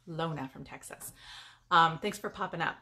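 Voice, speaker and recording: A woman's voice: low voice, moderate pace, bright, forceful tone. A middle-aged woman from California, chatting upbeat and casually to her viewers during a live-stream demonstration in her home garage. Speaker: furniture painter and paint business owner.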